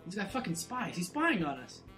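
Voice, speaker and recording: A man's voice: high-pitched, big pitch swings, brisk, pushed and bright, faint music behind. A young man commentating a video game with friends, joking, swearing and laughing a lot. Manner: profane, jokey, laughs a lot. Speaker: let's play commentator. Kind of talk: casual chat.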